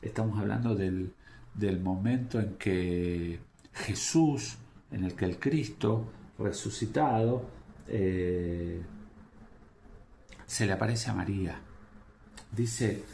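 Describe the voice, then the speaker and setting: Slow, gravelly-voiced man preaching. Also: on the low side, dark tone, a little hiss or hum. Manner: unhurried, reflective, pausing with fillers. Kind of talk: devotional talk with scripture reading.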